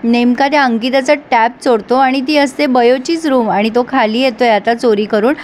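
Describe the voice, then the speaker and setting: A woman's voice: a little high, steady tone, normal speed, a little hiss or hum. A woman, retelling a serial episode in casual narration and reading the characters' lines in her own voice. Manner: retells scenes and reads characters' lines in her own voice, laughs now and then.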